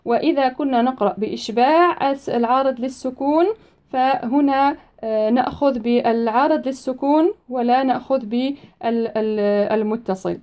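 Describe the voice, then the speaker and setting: A woman with a slightly high, mellow voice teaches the rules of Quran recitation. She chants each verse slowly and deliberately, then breaks off to explain the rule in plain, halting speech full of fillers. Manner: hesitant fillers while explaining.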